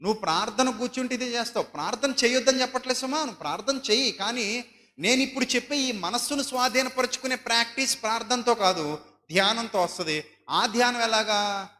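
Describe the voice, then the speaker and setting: Bright-voiced preacher man in an echoey hall. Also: extremely high pitch, fairly quick. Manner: animated preaching, voicing quoted prayers and inner speech. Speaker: pastor. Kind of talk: sermon.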